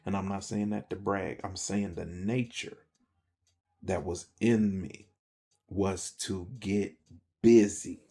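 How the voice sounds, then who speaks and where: Gravelly, husky man telling his story. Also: deep voice, steady tone, slow pace, a little mellow. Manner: emphatic, slangy, rambling storyteller. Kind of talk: personal testimony to camera. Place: speaking to a camera.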